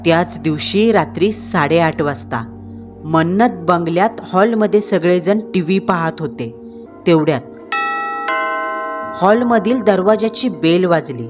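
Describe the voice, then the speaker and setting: A woman's voice: lowish voice, measured pace, music in the background. A woman telling a horror story in a dramatic, suspenseful scripted narration.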